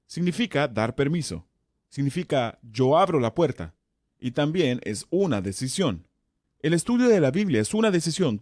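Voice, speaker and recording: Lively emphatic man teaching scripture. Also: medium pitch, no echo, clean studio sound. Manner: lively, emphatic, repeats key words. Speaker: pastor. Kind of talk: Bible study teaching.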